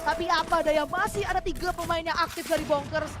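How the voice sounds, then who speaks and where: High-voiced Indonesian woman casting esports. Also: fairly even intonation, fairly quick. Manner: mixes English gaming terms into speech. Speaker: esports play-by-play commentator. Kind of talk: esports match commentary.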